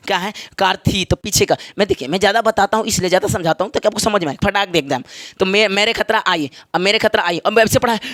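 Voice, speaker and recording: A man with a Bihari Hindi accent and a high voice teaches a spoken English lesson. He talks in a chatty, joking way, repeats examples and keeps asking his students if they follow. The sound is dry and close, with no room around it. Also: a bit bright, no room sound. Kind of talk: classroom lesson at a whiteboard.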